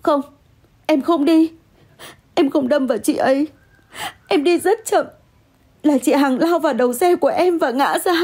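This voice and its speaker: A woman voicing a frightened young woman who pleads in a high, tearful voice. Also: animated, moderate pace, a little mellow, husky. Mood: defiant. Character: young woman, frightened, then stubbornly honest.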